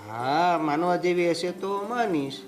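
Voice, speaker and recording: A man's voice: high voice, unhurried. An actor playing a grown village son who banters teasingly with his mother, with a Kathiawadi Gujarati accent. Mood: curious. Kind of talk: village family drama acting. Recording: soft music under the voice.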